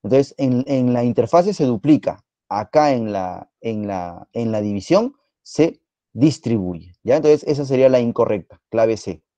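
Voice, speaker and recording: Speaking with a Peruvian Spanish accent, a man teaches a live online biology exam-prep class, quizzing students playfully and teasingly and repeating words rapidly. His medium-pitched voice is expressive and dark in tone. There is no echo, but the highs are cut off.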